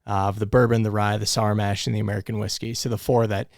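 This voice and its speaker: Chatty man with a gravelly voice. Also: fairly low pitch, little pitch movement, quick pace, no room sound, clean studio sound. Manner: chatty, says "right?" often. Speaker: co-host. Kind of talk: casual chat.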